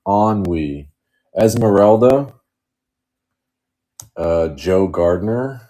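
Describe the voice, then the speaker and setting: A man's voice: on the low side, a little slow, mellow. A man hosting a live card break stream, chatting casually, rambling and joking as he reads off cards. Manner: rambling, joking, laughs often.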